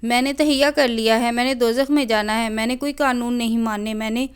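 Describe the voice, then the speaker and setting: A woman's voice: fairly high pitch, fairly even intonation, smooth, lightly acted. A woman voicing an angry, defiant young woman student leader who speaks in a combative, insistent way. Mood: indignant.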